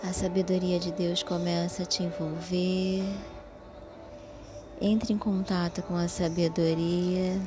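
Slow soothing lady guiding a prayer meditation, hushed and kinda low, soft music behind. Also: little pitch movement. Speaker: guided meditation leader.

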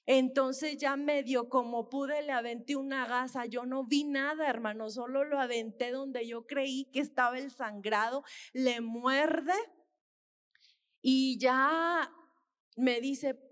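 Woman, high voice, slow earnest testimony, preaching to the congregation. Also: steady tone. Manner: earnest storytelling, repeatedly addressing listeners as brothers. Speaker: missionary dentist.

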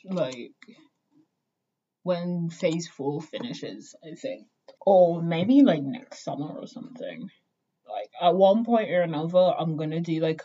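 A woman's voice: deep voice, warm tone, breathy edge. A young woman vlogging in a casual, rambling way, full of fillers and cheerful swearing. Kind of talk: casual rambling fan talk. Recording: dull lo-fi recording.

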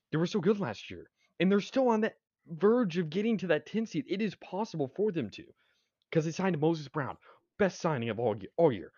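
A man's voice: fairly high pitch, a little mellow, no room sound. Rambling young man talking sports. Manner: rambling, stuttering restarts, opinionated. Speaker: sports podcast co-host. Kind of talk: casual sports talk. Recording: dry, dull lo-fi sound.

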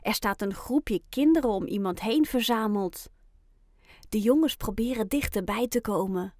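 A woman reading a children's storybook aloud, with gentle, lively storytelling and clear phrasing. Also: mid-range voice, moderate pace, no echo, studio quality. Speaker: audiobook reader.

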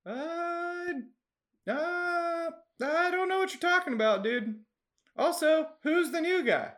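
A man's voice: takes it slowly, a bit bright, exaggerated voice. A man voicing a shifty, nervous young man who hems and stammers as he dodges the truth. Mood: evasive. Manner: hesitant, stammering, high and thin.

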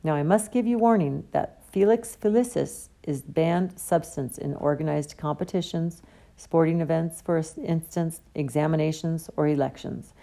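A woman's voice: normal speed, gravelly, warm tone. A woman playing a jovial pompous old professor. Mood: genial. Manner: genial, theatrical, booming. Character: jovial pompous old male potions teacher.

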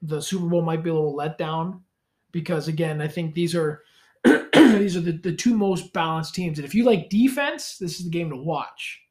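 A man's voice: fairly high pitch, moderate pace, a little mellow. A young man co-hosting a casual sports podcast from a cold home garage, rambling and correcting himself as he talks. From Canada. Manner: rambling, self-correcting, laid-back. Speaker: podcast co-host.

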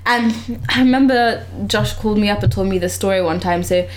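A woman's voice: medium pitch, fairly quick, a little hiss or hum. A young woman telling a story in casual chat, full of "like" and "you know". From Uganda. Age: young adult. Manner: chatty, frequent "like" and "you know".

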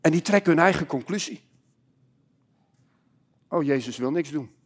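Male pastor, high voice, impassioned sermon, swings from loud to hushed. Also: animated, moderate pace.

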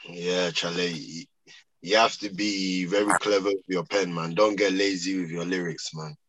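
Deep, raspy London man chatting. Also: fairly even intonation, normal speed, no echo, poor audio. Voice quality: raspy, forceful. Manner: streetwise slang, frequent tag questions. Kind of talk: casual chat.

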